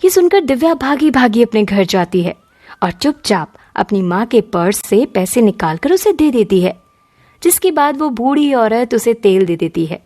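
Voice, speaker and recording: Female storybook narrator, even and mellow, slightly high. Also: normal speed.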